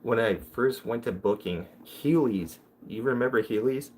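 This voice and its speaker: Speaking in a mid-range, somewhat mellow voice at a moderate pace, a young man chats on a livestream, loosely telling wandering, joking stories. Slight background noise is present.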